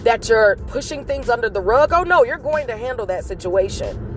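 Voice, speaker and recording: A woman's voice: fairly high pitch, normal speed. Earnest woman with faint music behind. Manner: earnest, animated storytelling with acted outbursts. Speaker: motivational vlogger. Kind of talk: casual motivational talk.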